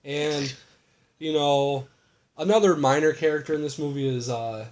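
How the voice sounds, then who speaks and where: A man's voice: fairly high pitch, normal speed, darkish tone. A man co-hosting a loose, chatty movie recap. He rambles, leans on fillers and throws in crude jokes as he goes. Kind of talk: casual chat.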